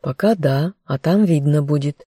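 A reserved young count speaks curtly and evenly, never raising his voice, read by a woman narrator. The sound is warm and mellow, dry and close to the mic, as in an audiobook. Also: low-pitched, moderate pace, husky, no echo. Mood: restrained. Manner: restrained, even delivery. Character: reserved young male count, calm and curt.

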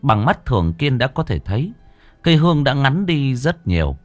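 A man narrating a scripted horror story with lively, dramatic delivery. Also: mid-range voice, normal speed, no echo. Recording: dry close voice, faint music.

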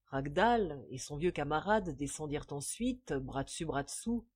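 A woman narrating an old French novel in a measured, expressive storytelling manner. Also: low voice, husky. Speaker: audiobook reader. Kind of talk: scripted narration.

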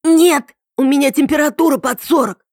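A brash young woman fibbing on the phone, faking hoarseness and protesting loudly, as a woman reader puts her on. Her lines come higher and louder than the narration, recorded dry and close. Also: lively intonation, a little slow, no echo. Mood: shouting. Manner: feigned hoarseness, loud protests.

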